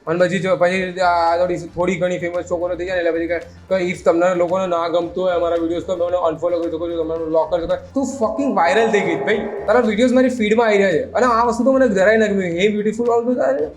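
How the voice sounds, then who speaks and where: A man with a notably high voice rants through a meme reaction, sarcastic and mocking. He drops English phrases into his casual commentary and keeps a needling tone. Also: fairly even intonation, quick pace, hardly any pauses.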